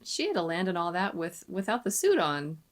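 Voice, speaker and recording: A woman's voice: lowish voice, big pitch swings, a little fast. A woman giving casual movie reaction commentary, musing and making wry asides. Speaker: film reaction host. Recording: noisy, with clicks.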